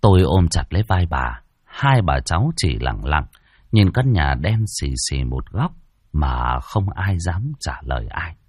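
A man's voice: very deep voice, big pitch swings, a little slow, darkish tone, no echo, studio quality. A man narrating a first-person ghost story dramatically.

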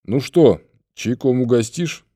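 A man voicing a gruff, dryly joking middle-aged man in an audiobook. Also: mid-range voice, animated, a little slow, warm tone, no echo, studio quality, voice pushed up. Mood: wry.

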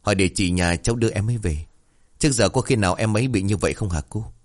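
A man's voice: lowish voice, fast talker, natural voice. A man voicing a polite young policeman. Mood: calm. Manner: polite, reasonable.

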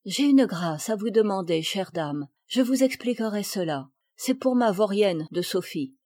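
A woman's voice: animated, a little slow, no room sound, studio quality. A woman voicing a stout, harsh stepmother who gushes to guests and screeches at her stepdaughter. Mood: gushing. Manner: loud, effusive, shrill when angry.

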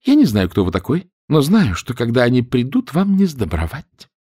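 A man voicing a frightened, furious noblewoman who shrieks and pleads in a high voice. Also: wildly swooping pitch, moderate pace, dark tone, slightly rough, no room sound, studio quality. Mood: defiant. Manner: shrill, impatient, pleading. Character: frightened then furious noblewoman, young adult.

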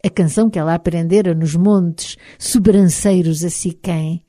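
A woman with a European Portuguese accent narrating a novel in the first person, in a measured and expressive storytelling manner. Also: on the low side, no room sound, clean studio sound. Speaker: audiobook narrator.

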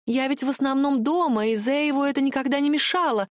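A woman's voice: high voice, brisk, no echo, studio quality, pitched above the performer's own voice, lightly acted. A woman doing a meek, mumbling mother. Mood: timid. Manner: mumbling, hesitant. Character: meek, sleepy middle-aged mother, timid.

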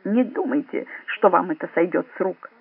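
A man voicing a pompous, indignant Soviet spy chief who blusters and shouts in an audiobook. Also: high voice, normal speed, creaky, breathy edge, exaggerated voice. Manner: blustering, shouting, self-righteous. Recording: dry, phone-like narrow sound.

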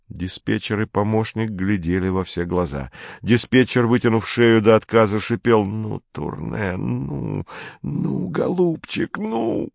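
Low-voiced man narrating a story. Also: no echo, muffled recording. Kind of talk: audiobook narration.

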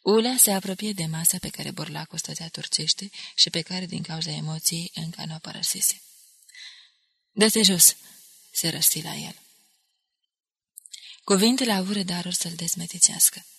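A woman reading an audiobook in a measured, dramatic narration. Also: fairly low pitch, gravelly, fairly bright tone, slightly rough, no room sound.

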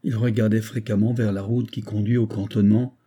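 Husky, dark-voiced male narrator. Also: on the low side. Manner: measured, steady storytelling. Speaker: audiobook narrator. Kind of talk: first-person novel narration.

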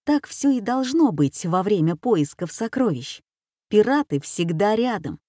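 A woman voicing a calm, sullen boy in glasses who speaks quietly. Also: mid-range voice, unhurried, dry recording, studio quality. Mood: hushed. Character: calm bespectacled schoolboy, gloomy and level-headed. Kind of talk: audiobook character voice.

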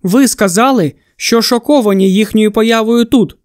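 A man reading an audiobook, voicing a stern constable who questions slowly and pointedly. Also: sits high, no room sound, studio quality, natural voice. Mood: incredulous. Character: stern, incredulous small-town constable, male.

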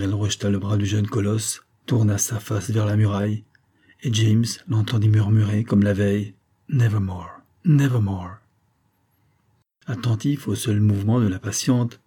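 Dark, husky male audiobook narrator. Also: on the low side. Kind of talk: scripted narration.

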